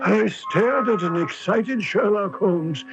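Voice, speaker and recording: A man's voice: high-pitched, animated, slow pace, gravelly, loud music behind the voice, heavily acted. A man playing an earnest, puzzled doctor who is a detective's loyal companion, in a radio mystery style. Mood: storytelling. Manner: hesitant, bewildered in dialogue. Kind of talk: 1980s radio mystery acting and storytelling. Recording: dull 1980s AM radio broadcast.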